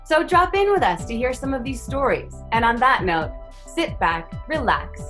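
A woman opens her podcast with a scripted introduction, measured and uplifting. Her voice is slightly high, and soft music plays beneath her. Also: expressive. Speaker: podcast host.

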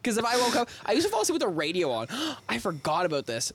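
Animated young man with lively swings. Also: high voice, fast, slightly rough. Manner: animated, swearing, laughing storyteller. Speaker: podcast co-host. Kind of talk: casual chat.

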